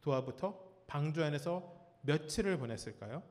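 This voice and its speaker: A man preaching a sermon as pastor, telling a story with lively acted-out cries and asking his congregation questions. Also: on the high side, moderate pace, in a large hall. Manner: animated storytelling, acts out cries and quotes. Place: church sanctuary.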